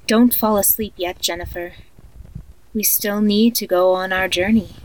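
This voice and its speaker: Woman acting a slow, eerie sleep story narrator. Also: medium pitch, steady tone, a little mellow, natural voice, poor audio. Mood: soothing, eerie. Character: eerie woman guiding a children's sleep meditation tape, soothing yet haunting. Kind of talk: guided sleep meditation in horror audio story.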